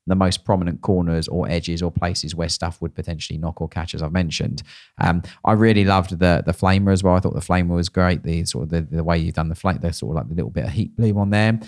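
A man's voice: deep voice, no room sound. A man in his thirties co-hosting a miniature painting critique show from a small studio, talking casually with many fillers and restarts into a podcast mic. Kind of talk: casual feedback chat. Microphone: podcast mic on boom arm.

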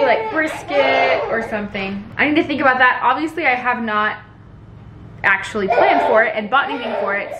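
A woman's voice: high voice, noisy background. A woman in her twenties chatting casually to camera in her home kitchen, upbeat and talking with her hands. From Texas. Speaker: lifestyle vlogger. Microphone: camera on a tripod across the kitchen.

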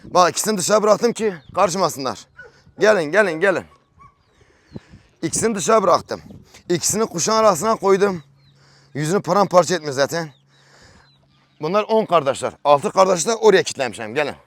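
A man's voice: sits high, expressive, fairly quick, long pauses, dry recording. Man barking short dog commands. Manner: blunt, grumbling colloquial talk. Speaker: dog trainer and farm vlogger. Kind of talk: casual farm vlog with dog training commands. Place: outdoors on a farm.

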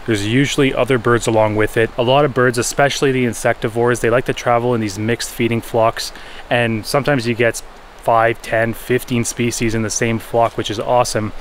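A man in his thirties talks quickly to his camera in an informal, enthusiastic way. His pitch is middling and he explains things like a wildlife photographer vlogging from the jungle. Faint outdoor noise sits behind his voice. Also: level tone. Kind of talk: explanatory vlog talk to camera. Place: outdoors in jungle, orchard and by a river.

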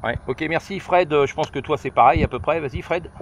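A middle-aged amateur radio operator, testing a handset outdoors on a high countryside viewpoint, talks fairly quickly in a slightly high voice. He hesitates and repeats himself through casual radio calls. The recording is from a camera held just behind his shoulder, noisy outdoor phone audio with clicks.

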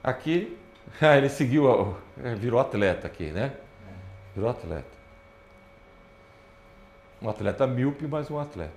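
A man's voice: medium pitch, unhurried, long pauses, slight background noise. A man giving a lecture to an audience, pointing at slides as he talks. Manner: animated, points at slides with repeated "ó, olha só". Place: lecture hall. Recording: roomy lecture hall.

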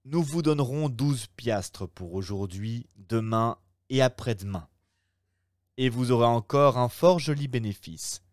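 A man reading aloud and voicing a calm, shrewd young gentleman who talks in a measured, persuasive way. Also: medium pitch, no echo, clean studio sound, natural voice.

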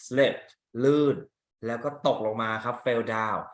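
The recording, made in an echoey room, captures a man teaching English through Thai as he goes over an exam reading and questions his students. His mid-range voice stays steady and slow, his English words carry a Thai accent, and his chatty manner includes plenty of rhetorical questions.

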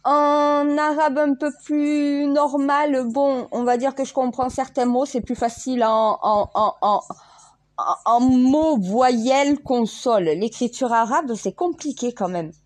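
A French woman from France who calls herself a spiritual vlogger talks casually to her viewers, rambling and often laughing or restarting her sentences. Her voice is high, and she speaks slowly.

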